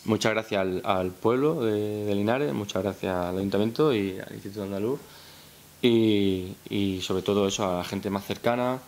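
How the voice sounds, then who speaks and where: A young Spanish man from Spain, a film director, speaks off the cuff at an indoor press conference, hesitantly repeating words as he goes. His voice sits fairly low and a little mellow, at a normal speed. The recording from the press room is hissy.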